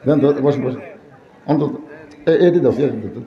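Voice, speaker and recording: A man preaching a sermon, animated and emphatic, breaking into sung verses and jokes. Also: mid-range voice, moderate pace, roomy sound, muffled recording, crowd noise.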